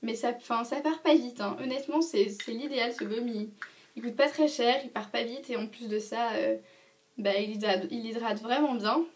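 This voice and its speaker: A woman's voice: on the high side, moderate pace, distant mic. A young woman vlogger reviewing her favourite beauty products in casual, hesitant talk full of fillers and restarts.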